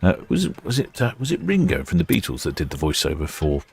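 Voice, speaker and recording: A man's voice: rumbling low, wildly swooping pitch, quick pace, vocal fry, breathy edge. A man hosting a casual live ship-spotting stream, chatting and musing as he watches. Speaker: livestream host.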